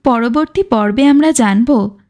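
A woman reading an audiobook novel in a steady, measured storytelling manner. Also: a little high. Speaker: audiobook narrator. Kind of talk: scripted audiobook narration.

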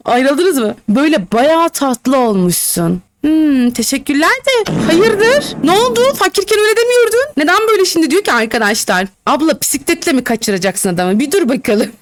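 A woman commenting on a roleplay game, teasing the players, laughing often and talking to her viewers. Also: high-pitched. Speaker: Roblox roleplay streamer. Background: background music.

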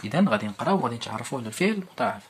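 Man, Moroccan accent, teacher, primary school lesson, medium pitch, slow repeated drills. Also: very animated, slight background noise. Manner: explains and drills words slowly, repeating each form.

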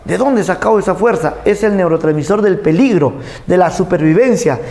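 A man's voice: sits high, animated, moderate pace, darkish tone, roomy sound. A man teaching an anatomy class, joking, quizzing his students and acting out cries and gasps. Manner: playful, jokey, asks the class questions and acts out sounds. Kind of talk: lively class lecture.

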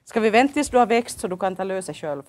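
A woman's voice: mid-range voice, animated. A woman with a Finland Swedish accent hosting a children's TV show, coaxing the kids with cheerful, sing-song questions. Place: local TV studio.

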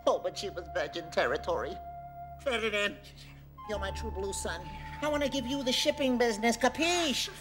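A man's voice: sits high, lively intonation, normal speed, over music. A man playing a scheming old father in a comedy sketch, with a theatrical wiseguy drawl.

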